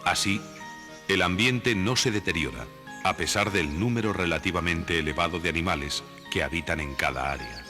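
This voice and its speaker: A man reading scripted nature documentary narration in a measured, didactic way. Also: low-pitched, sharp tone. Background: background music.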